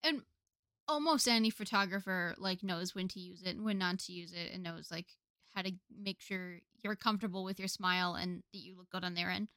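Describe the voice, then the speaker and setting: A young woman from the United States chats easily as a podcast co-host. She talks loosely, with plenty of fillers and quick laughs. The sound is close and dry. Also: on the low side, a bit bright, no room sound. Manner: chatty, laughs often, many fillers. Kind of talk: casual chat.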